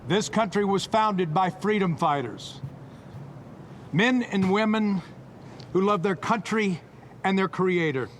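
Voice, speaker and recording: An actor playing a fervent, grieving father giving an earnest, emphatic patriotic film speech with deliberate pauses. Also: high voice, a little hiss or hum. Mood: solemn, proud. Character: fervent grieving father rallying a crowd as freedom fighter. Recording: film audio under loud music. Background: loud swelling music.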